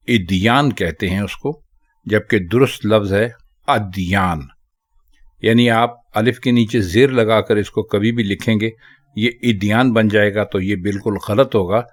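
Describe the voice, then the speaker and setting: A man teaching correct spelling and pronunciation, talking slowly and carefully and repeating each word several times. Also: lowish voice. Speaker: Urdu language teacher.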